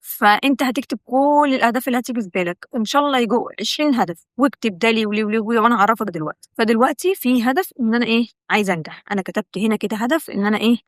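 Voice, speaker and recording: Young Egyptian woman coaching the viewer, rapid-fire and earnest, recorded close and dry. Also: fairly high pitch, dry recording. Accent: Egyptian Arabic. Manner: earnest, coaxing, addresses the viewer directly. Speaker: self-development host. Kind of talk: direct-to-camera talk.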